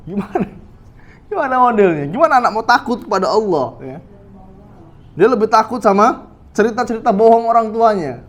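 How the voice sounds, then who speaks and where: Addressing the brothers in a study sermon, a male Islamic preacher poses rhetorical questions and keeps checking in with "ya." His voice sits high and sounds animated, moving fairly quickly with frequent pauses.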